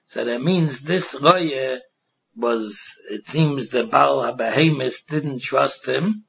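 Husky man teaching Talmud, Yiddish-inflected English. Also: mid-range voice, slow pace, a bit bright. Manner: sing-song explaining with repeated phrases and rhetorical questions. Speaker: religious teacher giving a Talmud class. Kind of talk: informal Talmud lesson, reading and explaining. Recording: dull, muffled lo-fi recording.

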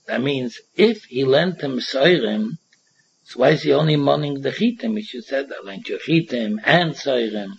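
A man's voice: mid-range voice, sing-song, normal speed, gravelly. A man with a Yiddish-inflected accent giving an informal Talmud lesson, reading and explaining in a sing-song, repetitive way with rhetorical questions. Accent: Yiddish-inflected English. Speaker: religious teacher giving a Talmud class. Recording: dull, muffled lo-fi recording.

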